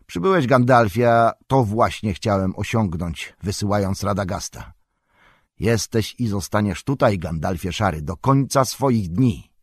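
A man reading an audiobook who voices a proud, scornful old male wizard lord, speaking slowly and grandly, as if declaiming. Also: fairly low pitch, lively intonation, slightly rough, dry recording, studio quality.

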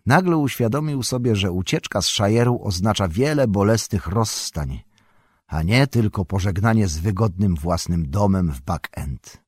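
Male audiobook narrator, low voice, breathy, dry close mic, calm reading. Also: moderate pace, no echo. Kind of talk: scripted narration.

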